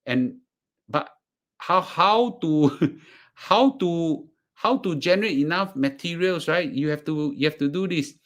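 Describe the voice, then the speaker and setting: A man with a Singaporean accent and a fairly high, slightly bright, animated voice presents to a class in a casual live talk. The course presenter is halting, restarting and repeating words and using fillers.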